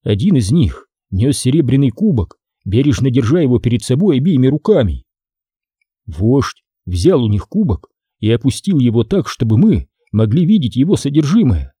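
An audiobook narrator reads scripted narration in a dark, husky male voice. It is mid-range with big pitch swings at normal speed, in a dry, clean studio recording.

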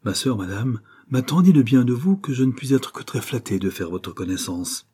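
Brief: man doing a vain, insincere young nobleman, dark husky tone. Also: mid-range voice, normal speed. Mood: flattering. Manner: affectedly indifferent, flattering. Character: young snobbish nobleman, hypocritical and smooth.

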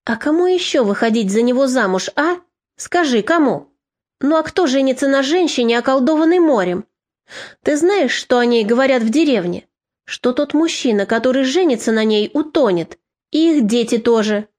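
A woman's voice: high-pitched, expressive, normal speed, a little mellow. Woman reader doing a bitter mother, snapping and curt. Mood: harsh. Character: bitter harsh mother, middle-aged woman.

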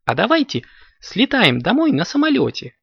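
A man voicing an excitable little boy kitten, eager and impatient, on a dull lo-fi recording. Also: sits high, moderate pace, creaky, slightly rough, no room sound, pitched above the performer's own voice, exaggerated voice.

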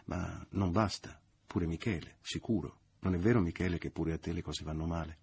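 A man's voice: low-pitched, moderate pace, vocal fry, a little mellow, slightly rough, dry recording, full character voice. A man voicing a smug, falsely good-natured man at a family dinner, in a triumphant, self-satisfied tone.

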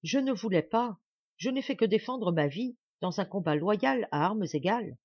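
A woman's voice: medium pitch, animated, moderate pace, slightly rough, no echo, dull audio, pitched above the performer's own voice. A woman reading the part of an impulsive, passionate young nobleman in an audiobook, speaking in ardent exclamations. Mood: defensive.

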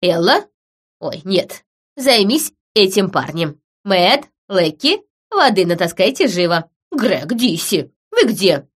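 A woman voicing a fussy, hurried older housekeeper giving orders, in a storybook reading. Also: mid-range voice, big pitch swings, breathy edge, full character voice. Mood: bustling.

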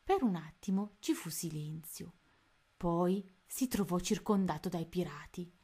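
A woman narrating a children's storybook aloud at a gentle, unhurried pace. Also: on the low side, animated, breathy edge. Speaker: reader of children's books.

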